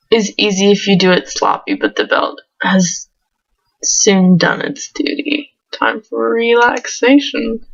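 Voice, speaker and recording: A woman's voice: medium pitch, highs cut off. A woman playing a game and reading its text aloud, adding casual comments and often breaking into giggles. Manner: giggly, breaks into laughs between read lines. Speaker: let's play gamer.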